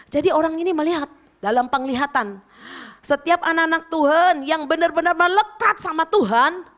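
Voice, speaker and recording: Woman, pastor, high-pitched, sermon, animated, talks straight to listeners. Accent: Indonesian. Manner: animated preaching, often addresses listeners as "saudara".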